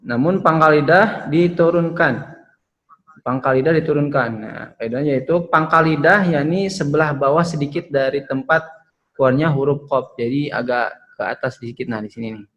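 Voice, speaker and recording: A man's voice: a little high, moderate pace, fairly bright tone, dull audio. A male Quran recitation teacher explaining letter pronunciation patiently, demonstrating sounds and tagging phrases with "ya". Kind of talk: online Quran pronunciation lesson.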